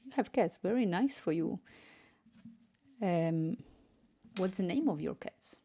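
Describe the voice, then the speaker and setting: Her voice sits lowish and sounds warm and animated, with a slow delivery and a faint hiss or hum in the audio. She has a Ukrainian accent touched by Spanish and streams live from her home room as an app developer, talking a lot, getting easily sidetracked, reading chat out loud and muttering to herself as she codes.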